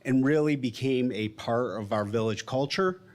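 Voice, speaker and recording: A man principal introducing a new teacher at a school board meeting, measured and pausing between phrases. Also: mid-range voice, darkish tone. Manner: measured, with pauses and fillers.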